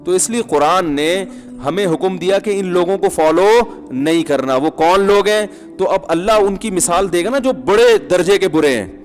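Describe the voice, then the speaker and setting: Male preacher, humorous conversational sermon, somewhat high voice, long hall echo. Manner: humorous, conversational, chuckling asides. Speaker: Islamic preacher.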